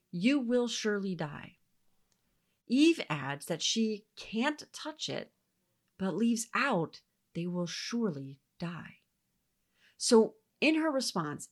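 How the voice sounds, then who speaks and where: Expressive woman giving Bible teaching. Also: mid-range voice. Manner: earnest, reflective, with soft whispered asides.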